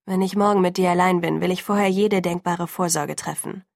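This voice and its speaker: A woman's voice: fairly low pitch, steady tone, a little fast, vocal fry, dry recording, studio quality. Woman reading as a brooding teen vampire boy. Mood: serious. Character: brooding teenage vampire boy, intense and protective.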